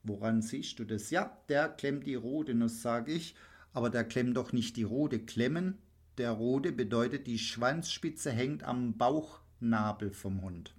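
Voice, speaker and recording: A dog trainer with a medium-pitched voice talks bluntly and emphatically in a casual podcast chat. He acts out his clients in quick back-and-forth exchanges.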